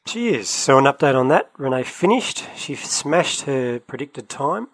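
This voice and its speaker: A man's voice: mid-range voice, moderate pace, poor audio. A man, co-hosting a casual podcast and telling travel stories with a chatty, laughing manner. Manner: chatty, laughs often, lively storytelling. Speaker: podcast co-host. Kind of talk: casual chat. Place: travelling, in London.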